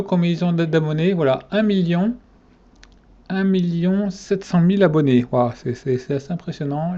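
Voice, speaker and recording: Guy rambling casually, lots of ums and restarts, kinda dark voice, lo-fi sound. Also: fairly high pitch. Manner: hesitant, many fillers and restarts. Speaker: fitness channel reviewer. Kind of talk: casual ranking vlog.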